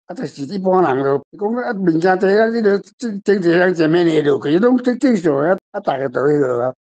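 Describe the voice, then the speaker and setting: An older man with a Taiwanese accent, appearing as a guest author answering questions, talks off the cuff about literature. His high, slightly fast voice is lively and a little mellow, and he rambles plainly and emphatically, repeating himself. The recording sounds muffled.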